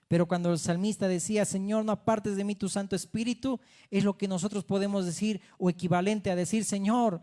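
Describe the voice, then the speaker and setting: A man preaching a sermon as pastor, earnestly asking his congregation questions and acting out prayers from soft to loud. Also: a little high. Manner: dramatizes prayers, dropping to a soft voice then rising loud.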